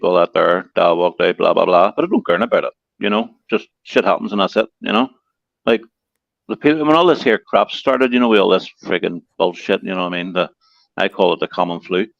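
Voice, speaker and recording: A man with a Belfast accent who talks quickly, slurs his words and leans on heavy slang while chatting as a guest on a livestream call. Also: sits low, creaky, no room sound. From Northern Ireland. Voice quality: fast slurred speech with heavy slang. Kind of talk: casual chat. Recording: dull, dry lo-fi call audio.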